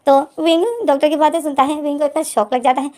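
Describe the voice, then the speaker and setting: A woman's voice: high-pitched, steady tone, fast talker, a little mellow. A woman retelling a fan story casually, chaining lines with repeated fillers. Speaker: fanfiction storyteller.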